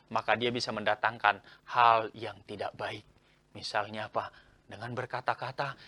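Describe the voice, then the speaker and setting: A young man teaching a Sunday school lesson to kids in an animated way, tossing questions at them and answering them himself. His voice sits high and bright, and the sound is close and dry. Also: dry recording. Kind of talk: lively children's Bible lesson.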